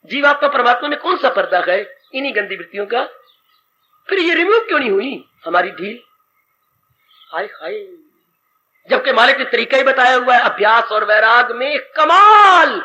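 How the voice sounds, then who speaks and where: A man's voice: extremely high pitch, very animated, moderate pace, pushed and bright. A man giving a devotional sermon, dramatic and rhetorical, with sighing exclamations. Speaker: spiritual teacher. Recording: muffled old tape with faint hiss.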